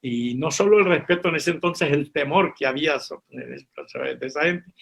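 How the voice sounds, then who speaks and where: A man's voice: on the high side, normal speed, gravelly. A reverend telling a missionary testimony from the pulpit, speaking with strong emotion, repeating his words and calling his listeners brothers and sisters.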